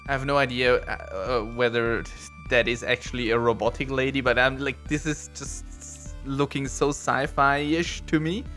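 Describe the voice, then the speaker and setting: A man talks through a blind playthrough in a slow, rambling way, reading game text aloud and poking fun at himself. His pitch sits in a middle range. Quiet game music runs underneath. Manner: rambling, self-deprecating, reads on-screen text aloud. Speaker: let's play gamer. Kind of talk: casual gameplay commentary.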